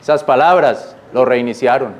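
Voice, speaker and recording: A man preaching a sermon in church, reading scripture slowly and explaining it in plain, repetitive words. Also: mid-range voice, a little mellow. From Colombia. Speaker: pastor.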